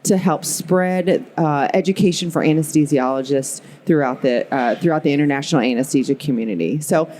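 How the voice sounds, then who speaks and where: A woman's voice: sits low, fairly quick, hardly any pauses, mellow, a little hiss or hum. A woman hosting a conference podcast, upbeat and encouraging as she interviews guests. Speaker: podcast host.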